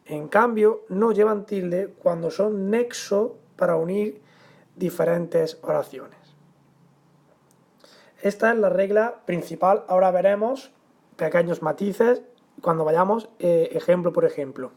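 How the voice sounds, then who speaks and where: Man teaching a measured grammar lesson. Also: high-pitched, a little mellow. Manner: measured and explanatory, stressing example words.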